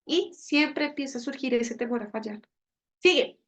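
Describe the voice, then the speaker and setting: A woman's voice: high-pitched, lively intonation, normal speed. A woman giving a parenting talk at home, explaining and checking in with listeners often. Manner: explanatory, with frequent rhetorical "¿sí?" checks. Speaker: parenting workshop speaker. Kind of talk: live online talk to parents.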